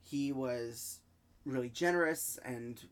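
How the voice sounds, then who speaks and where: Laid-back podcast guy recapping stuff, lots of ums, plain mid voice. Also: mid-range voice. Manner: easygoing, halting with many ums. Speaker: podcast host. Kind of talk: casual recap chat.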